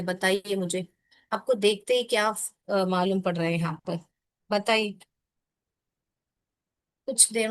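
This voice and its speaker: A woman teacher walks her pupils through a poem in an online class, speaking slowly and patiently. Her voice is dry and close, with the plain sound of a video call. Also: a little high, fairly bright tone, no room sound. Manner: patient, mixes Hindi and English, calls pupils "beta". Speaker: English teacher.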